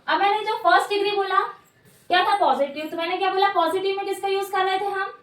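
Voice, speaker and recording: A woman teaches grammar in a high, bright-pitched voice, posing questions and answering them herself. She repeats each key word. The mic sits well back, so the sound is roomy and echoey. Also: fairly even intonation, fast talker. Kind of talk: grammar lesson at a board. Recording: echoey room, mic at a distance.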